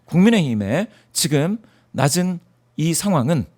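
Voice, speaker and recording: A man's voice: on the high side, very animated, measured pace, darkish tone. A man in a studio interview, explaining poll data emphatically and asking himself rhetorical questions. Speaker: poll analyst guest.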